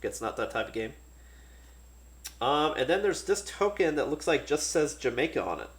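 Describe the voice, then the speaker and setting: A man casually talking through a board game unboxing, relaxed and thinking aloud with many fillers. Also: a little high, moderate pace, echoey room.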